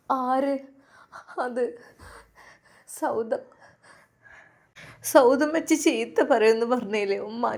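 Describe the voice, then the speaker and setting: A woman's voice: fairly high pitch, a little mellow. A woman voicing a grief-stricken young mother who pleads tearfully for her children.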